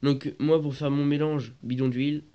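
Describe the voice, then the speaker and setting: With a steady voice on the high side at normal speed, a teenage boy suffering from a stuffy cold speaks hesitantly and hunts for words. He's filming a laid-back moped workshop vlog on his phone, held at first, then propped. The sound is dull, noisy, and lo-fi.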